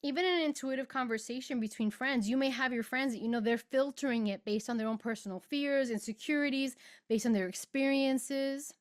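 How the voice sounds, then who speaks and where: Middle-aged woman, podcast host, earnest spiritual talk, slightly high voice, drawn-out emphatic phrasing. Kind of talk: reflective spiritual monologue.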